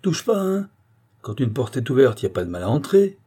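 A man voicing a brash, coarse young farmer nephew who talks rough and rude. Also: lowish voice, moderate pace, warm tone, lightly acted. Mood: belligerent.

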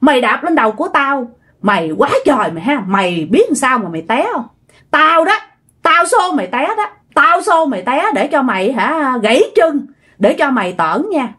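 A woman's voice: high voice, very animated, normal speed, fairly bright tone, slightly rough, pitched above the performer's own voice, heavily acted. A woman playing a furious old ghost woman. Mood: furious scolding. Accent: Southern Vietnamese. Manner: harsh, scolding, threatening.

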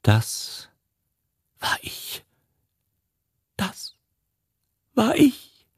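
A man's voice: a little high, lively intonation, takes it slowly, creaky, darkish tone, slightly rough, no room sound, clean studio sound, pitched above the performer's own voice, exaggerated voice. A man voicing a guilt-ridden old man past seventy. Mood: anguished. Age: over 70 (figure). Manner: trembling, whispering and gasping. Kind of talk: dramatized audiobook reading.

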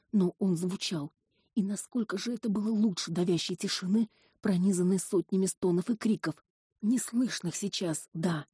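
A woman's voice: fairly low pitch, warm tone, slightly rough, no room sound, clean studio sound. A woman narrating a tense first-person audiobook in a dramatic reading style, with defiant dialogue.

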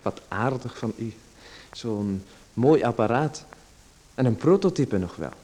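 A radio drama actor plays a polite, hesitant, well-known man who stammers while a salesman pushes him. His medium-pitched voice is animated yet unhurried, warm, and husky.

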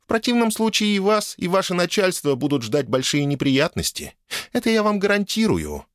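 A man's voice: sits high, very animated, normal speed, no room sound, clean studio sound, voice pushed up. A man reading an audiobook, voicing a haughty young noblewoman who speaks in a purring, imperious way, in a raised voice.

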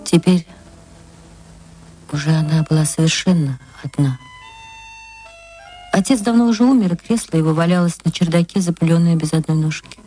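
A low-pitched female voice delivers a radio reading of a short story; the actress uses expressive, dramatic narration and draws out her words.

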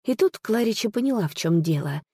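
A woman narrating a fairy-tale audiobook in an expressive storytelling manner. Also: mid-range voice, a little fast, slightly rough, no echo, studio quality.

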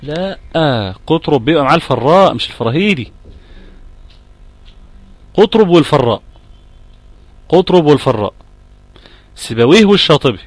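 A man's voice: on the high side, sing-song, moderate pace, long pauses, no echo. Egyptian man teaching Quran recitation. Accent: Egyptian Arabic. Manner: explains patiently, asks students if they follow, demonstrates sounds. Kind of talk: tajweed lesson.

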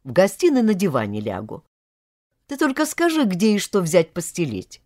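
A gruff but caring young man, voiced by a female reader who speaks low and quietly. The recording is dry and close, with no room sound. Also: wildly swooping pitch, moderate pace, no room sound. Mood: gentle. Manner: lower, soft, gruff. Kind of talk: audiobook character voice.

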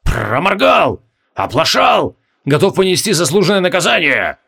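A man voicing a hoarse, zealous guard captain baron who blames himself. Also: sits high, big pitch swings, moderate pace, sharp tone, voice pushed up, heavily acted. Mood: self-reproaching. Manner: zealous, self-reproaching.

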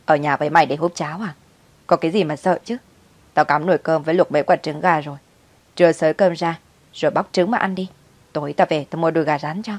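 A woman doing a harsh mother snapping fast. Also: low-pitched, fairly even intonation, no echo. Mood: harsh, scolding. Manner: rapid, snapping, scolding. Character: harsh, scolding young mother.

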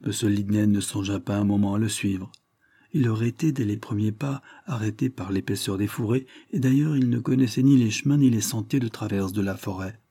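A man narrating a novel in a calm, measured reading. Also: on the low side, breathy edge, no room sound. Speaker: audiobook narrator. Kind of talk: scripted narration.

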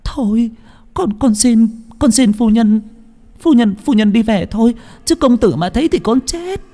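A man's voice: extremely high pitch, normal speed, warm tone, in a large hall, voice pushed up. A man voicing a terrified sixteen-year-old servant girl, crying and stammering as she begs. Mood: terrified pleading. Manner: stammering, pleading.

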